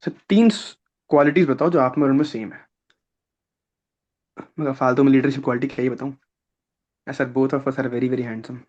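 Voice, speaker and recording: A young man, a guest on an interview show, telling animated stories and acting out other people's lines. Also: mid-range voice, normal speed, long pauses. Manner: lively, acts out other people's lines, laughs often. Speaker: guest, defence-services aspirant. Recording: slightly dull, lo-fi audio.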